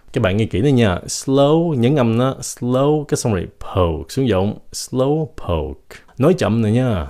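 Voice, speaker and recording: Guy teaching english slang, kinda low voice, lively, says each word slow and careful. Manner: lively, spells out English sounds slowly. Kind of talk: language lesson.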